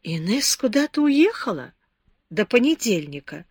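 A woman voicing a frightened, tearful eighteen-year-old girl who pleads timidly in a high voice. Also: very animated, a little slow, husky, dry recording, clean studio sound, full character voice. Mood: pleading. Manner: pleading, timid, on the verge of tears.

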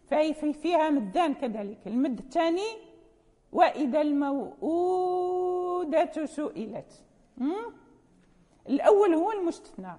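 In a classroom lecture on recitation rules, a woman with a high-pitched, dark-toned voice explains patiently, repeating key terms and checking that her students are following. A long hall reverb colors the recording.

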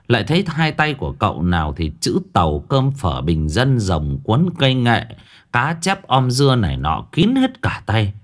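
A man tells a ghost story in a low voice. He tells it vividly, in colloquial speech, and his voice rises and falls a lot.

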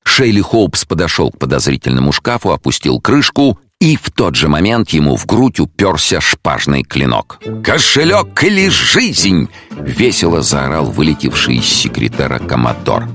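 A man narrating an audiobook detective story in an unhurried, expressive storytelling manner. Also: rumbling low, soft background music. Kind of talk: scripted narration.

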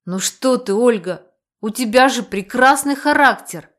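A woman voicing a young male necromancer in an audiobook, who mocks loudly and then pleads in a raised voice. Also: on the high side, measured pace, close to an everyday voice. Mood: mocking laughter.

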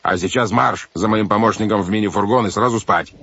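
A man's voice: low voice, brisk, fairly bright tone, breathy edge. A man doing a scheming villainous sea captain. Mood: fake soothing. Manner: falsely soothing, curt and bossy. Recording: dull lo-fi audiobook recording.

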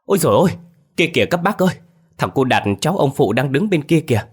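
A man voicing a panicked young villager shouting in alarm. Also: on the high side, very animated, fast talker, husky, pitched above the performer's own voice.

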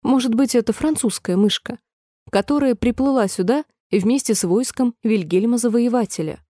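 A woman's voice: a little high, normal speed, mellow, dry recording, clean studio sound, lightly acted. A woman voicing a polite, chatty, fretful little girl in a storybook reading, sounding eager and apologetic.

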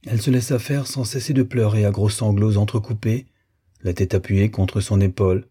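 A man narrating a literary audiobook in a measured, calm way. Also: lowish voice, breathy edge.

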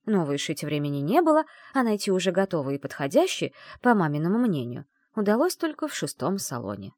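Expressive woman reading a novel aloud. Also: on the low side, fairly quick, no room sound, clean studio sound. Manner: expressive storytelling. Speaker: audiobook narrator. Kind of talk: scripted first-person narration.

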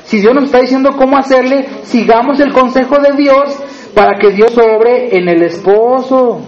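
High-voiced Mexican preacher, chatty sermon. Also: male voice, normal speed, muffled recording. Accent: Mexican Spanish. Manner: conversational, asks the congregation questions.

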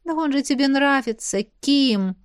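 A playful, prodding werewolf girl who clearly enjoys needling her friend, as a woman reads her. The voice sits fairly high and the recording is close and dry. She sounds amused and knowing, like she already has the answer. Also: animated, unhurried, dry recording. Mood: teasing.

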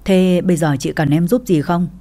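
A woman doing a blunt, sharp-tongued sister-in-law. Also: fairly low pitch, fairly even intonation, normal speed, natural voice. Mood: plain.

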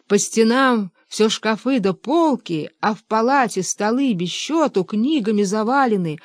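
An audiobook narrator reading a story in a lively, expressive way. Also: medium pitch, no echo, studio quality.

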